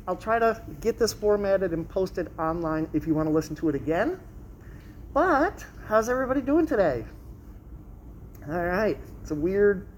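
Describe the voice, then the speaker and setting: Standing before her students, a woman lecturer talks through the material and quizzes them to make sure they follow, her words dampened by a face mask. Her voice is mid-range and darkish, captured in a noisy live classroom.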